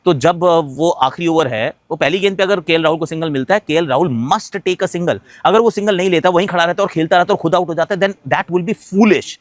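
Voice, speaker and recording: A man's voice: on the high side, a little fast, hardly any pauses, dry recording. A man giving a casual cricket reaction, mixing Hindi and English with emphatic points and frequent hesitant fillers. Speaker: cricket commentator.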